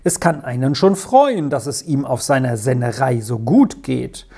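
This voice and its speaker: A woman's voice: extremely low pitch, animated, a little slow, slightly rough, pitched below the performer's own voice, exaggerated voice. A woman voicing a kind, talkative farm wife and mother in a storybook reading. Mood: kindly. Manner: warm-hearted, chatty.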